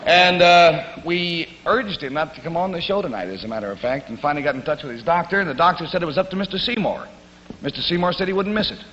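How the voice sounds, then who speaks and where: Male game-show host on an old 1950s TV broadcast: high, bright, folksy showman patter. Lo-fi sound, faint hiss, reverberant studio. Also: fast. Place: TV studio stage.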